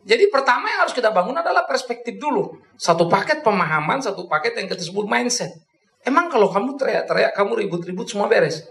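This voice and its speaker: A man preaching a sermon, animated, swinging between soft and loud, joking and acting out his own old quarrels. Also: high voice, quick pace, gravelly, reverberant. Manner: jokes and acts out his own past quarrels.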